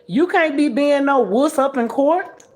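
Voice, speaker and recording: A woman in her sixties hosting a casual livestream, talking bluntly and scolding with animated trash talk. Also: sits high, unhurried. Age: 60s. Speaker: livestream host.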